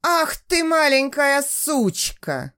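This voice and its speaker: A woman's voice: a little high, big pitch swings, pushed and bright, pitched above the performer's own voice, full character voice. Woman doing a smug, oily rich man. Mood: indignant. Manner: oily, drawn-out, mocking. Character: smug wealthy middle-aged man, crude and arrogant.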